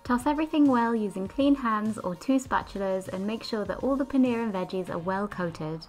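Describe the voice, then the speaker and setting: A woman's voice: mid-range voice, moderate pace. Upbeat young woman cooking host. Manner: upbeat, chatty, slangy. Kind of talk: casual recipe talk to camera, then voice-over narration. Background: soft background music.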